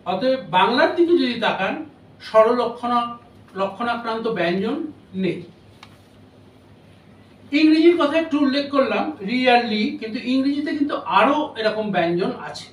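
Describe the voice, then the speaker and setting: Distant, echoey high-voiced male lecturer. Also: lively intonation. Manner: measured, explanatory, pauses between phrases. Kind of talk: memorial lecture on phonetics. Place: lecture hall. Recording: roomy hall audio from a distance.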